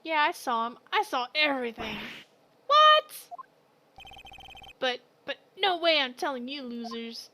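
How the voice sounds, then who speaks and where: A woman's voice: high voice, normal speed, hardly any pauses, background noise, lightly acted. A woman voicing a bratty, defiant young boy who taunts rudely. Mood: taunting. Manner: taunting, rude.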